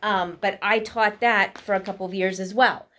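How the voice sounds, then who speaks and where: A woman giving a casual spoken lesson with tips for English learners, talking quickly with frequent fillers. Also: mid-range voice, steady tone, a bit bright. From United States. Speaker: vlogger teaching English learners.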